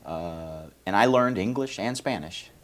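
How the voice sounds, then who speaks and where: A man's voice: lowish voice, expressive, a little slow. A man from Venezuela, a lawyer answering interview questions in a folksy, explanatory way with many fillers. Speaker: lawyer, guest. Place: TV studio.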